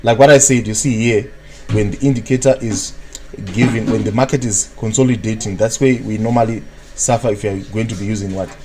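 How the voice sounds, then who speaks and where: This Zimbabwean man talks briskly in a low, warm voice with fairly even intonation, his accent Zimbabwean and his first language Shona. Hosting a live trading analysis stream, he rambles while answering viewers' chat and keeps tacking "what, what" onto his sentences.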